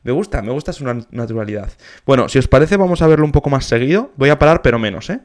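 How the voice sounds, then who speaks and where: A man's voice: medium pitch, animated, fast, a little mellow. Eager man reacting to a clip. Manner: enthusiastic, sings short snatches to demonstrate. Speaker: musician reacting to videos. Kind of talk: casual reaction commentary.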